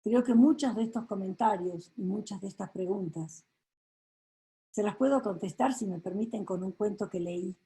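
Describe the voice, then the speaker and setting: A woman coach, telling a story to her audience with a soft, slow delivery. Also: mid-range voice, breathy edge, low-quality recording.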